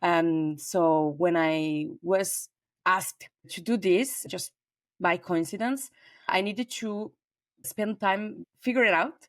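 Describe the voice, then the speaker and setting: Chatty Spanish-accented woman in her forties, lower register, dry close sound; podcast guest on a call. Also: slow, no echo. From southern Spain. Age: 40s. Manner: talkative, warm and expansive, frequent fillers. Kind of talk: conversational interview. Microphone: remote call.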